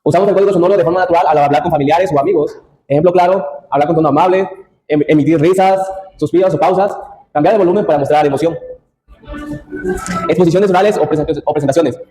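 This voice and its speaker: A man's voice: on the high side, quick pace, mellow, poor audio. A young man giving a class presentation, reading from his slides with restarts and asides. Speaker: student presenter.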